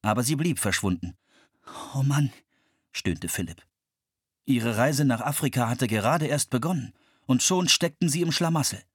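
A narrator reading a children's adventure story aloud in a lively, animated way. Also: mid-range voice, moderate pace, slightly rough, dry recording, studio quality. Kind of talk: audiobook narration.

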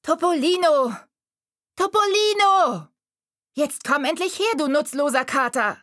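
A woman's voice: animated, normal speed, no echo, clean studio sound. A woman voicing a haughty young girl from a rich city family, bossy and imperious in an audiobook. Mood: calling out. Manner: bossy, imperious, shrill when calling. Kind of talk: audiobook character voice.

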